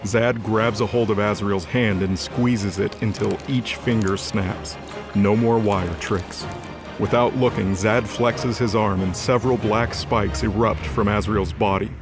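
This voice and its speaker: A man narrates a fantasy audio drama in a fairly low, rather even voice, going a little slowly. The scripted action comes across dramatically, with music clearly in the background.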